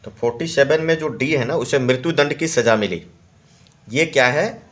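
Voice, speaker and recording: A man's voice: medium pitch, moderate pace, a bit bright. Man patiently explaining test answers. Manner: repeats key words and checks with "है ना". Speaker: Hindi exam-prep teacher.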